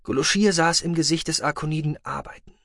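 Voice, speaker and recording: A man reading a science-fiction audiobook in a steady, measured storytelling manner. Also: fairly high pitch, gravelly, no room sound, clean studio sound. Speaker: audiobook narrator. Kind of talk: scripted audiobook narration.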